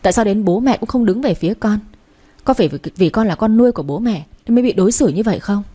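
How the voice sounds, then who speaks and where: A woman's voice: mid-range voice, expressive, quick pace, warm tone, breathy edge. A woman doing a frantic distraught young woman.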